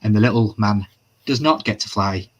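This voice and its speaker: A man's voice: fairly low pitch, moderate pace, highs cut off. Chatty, profane male live-streamer. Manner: chatty and profane, reads chat aloud. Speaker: live-stream host recapping a TV episode. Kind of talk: casual live-stream recap.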